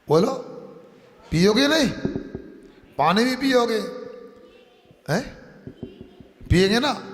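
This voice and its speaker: A man's voice: high-pitched, a bit bright. A man, a Jain monk, giving a sermon class, constantly quizzing his listeners and using homely everyday examples. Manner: keeps quizzing the audience. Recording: echoey hall reverb.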